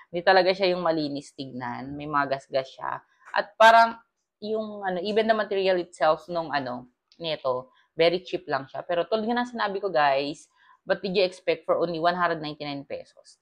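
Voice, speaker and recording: A man's voice: a little high, a bit bright, lo-fi sound. A young man from the Philippines in his twenties chatting casually through a product unboxing review, calling viewers "guys" and mixing Tagalog with English, recorded on a lapel mic in a small home kitchen. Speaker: vlogger.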